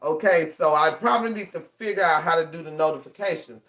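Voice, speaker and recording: A man's voice: on the high side, quick pace, a bit bright. A man with a Southern US country accent and a rural drawl, hosting a casual live craft tutorial and repeating key instructions emphatically. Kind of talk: casual livestream craft demonstration.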